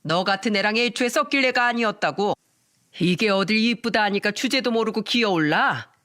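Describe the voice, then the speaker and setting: A woman voicing an arrogant, contemptuous middle-aged future mother-in-law who belittles and yells, in a narrated story. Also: mid-range voice, lively intonation, normal speed, close to an everyday voice. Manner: scornful, yelling, belittling.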